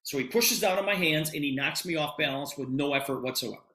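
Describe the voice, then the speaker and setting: A middle-aged man giving an animated storytelling sales presentation, acting out the dialogue of what happened. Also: a little high, quick pace. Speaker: presenter promoting a product. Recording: roomy echo.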